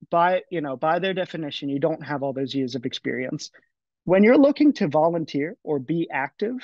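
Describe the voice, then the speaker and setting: On a video call panel, a man in his twenties talks casually, often using fillers and starting over. His voice is fairly high and a little mellow, captured in dry, dull lo-fi audio.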